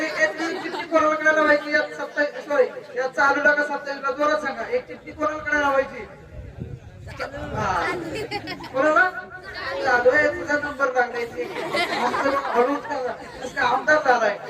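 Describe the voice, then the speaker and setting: Marathi-accented male magician, commanding patter, heard from afar over a crowd. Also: very high voice. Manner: commanding, counts and barks drill orders. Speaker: stage magician. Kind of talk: live stage patter with children. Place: outdoor birthday event. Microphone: handheld stage mic. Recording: echoey crowd, far from mic.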